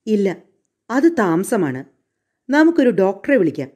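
A woman's voice: mid-range voice, very animated, a little slow, a little mellow. A woman voicing a frightened young woman, pleading and urgent after a carriage crash.

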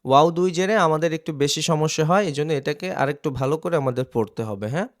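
A man teaching Quranic letter reading in an online lesson, spelling out syllables slowly and repeating each one, often checking in with his students. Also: fairly high pitch, expressive. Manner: slow, drilling syllables one by one, asking "ঠিক আছে?".

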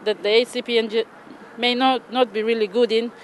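A woman's voice: on the high side, steady tone, slight background noise. Earnest woman with a Papua New Guinean accent. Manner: measured, earnest, with pauses and restarts. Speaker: church program coordinator. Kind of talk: interview answers to camera. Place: outdoors by a stone wall in a city.

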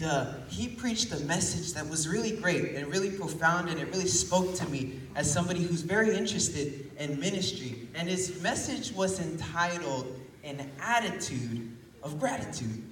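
Speaking on the high side at a normal speed, a young man gives an easygoing sermon in a small church, hoarse from sickness and rising in emphasis now and then. A congregant's phone in the pews caught it from far off, with echo from the hall and a slight hiss or hum.

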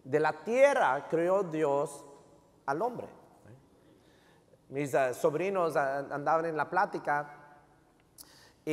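A middle-aged pastor with a Mexican American accent preaches in a lively, joking way, tossing in English tags as he goes. His voice sits a little high for a man. It rings out with the long reverb of a church hall. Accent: Mexican American Spanish with English code-switching. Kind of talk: sermon. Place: church sanctuary.

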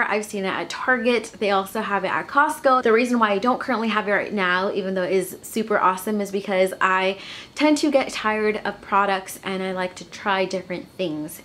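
A young woman sits at home talking to her camera, chatty and earnest, filling pauses with frequent ums. Her voice sits at an ordinary middle pitch for a woman. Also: fairly bright tone. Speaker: beauty vlogger. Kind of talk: casual talk to camera.

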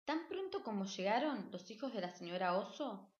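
Woman, children's audiobook narrator, expressive storytelling, middle pitch, roomy echo. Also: normal speed, muffled recording.

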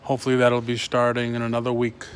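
A middle-aged man chats haltingly on a live vlog as a toy reseller, reading out comments and answering them in a medium-pitched, completely flat voice. He's indoors in a large antique mall booth with a concrete floor, using a phone held at arm's length or closer, and the ambient noise is clearly captured.

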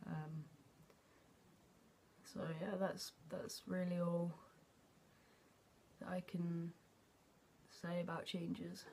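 A young man talks into the camera at home in a slow, level way, his pitch staying flat with little lift. He hesitates often and lets the ends of his phrases sink into a near-whisper. A faint hiss of room noise sits under him. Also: gravelly. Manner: hesitant, halting, with many fillers and restarts. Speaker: vlogger. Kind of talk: casual video diary. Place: at home, indoors.

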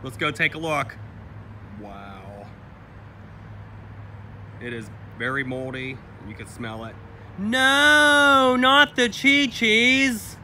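A man's voice: a little high, slow, long pauses, sharp tone, a little hiss or hum. A man casually narrating a walk-around vlog outside a building, talking straight to his viewers with frequent exclamations, recorded on a handheld phone outdoors. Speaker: vlogger exploring abandoned places. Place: outdoors around an abandoned restaurant and its parking lot.

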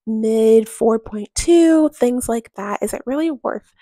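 In a casual voice-over recorded while she cleans, a young woman talks candidly and emphatically about her home and finances, with many rhetorical questions. She is a home vlogger whose voice is fairly high and warm, and she speaks slowly. The sound is free of echo.

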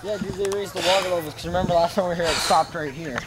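A man's voice: high voice, very fast. A young man bantering and teasing his friend while they walk outdoors by a lake, picked up by a handheld camera. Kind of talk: casual chat while hiking. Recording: outdoor camera audio with noise.

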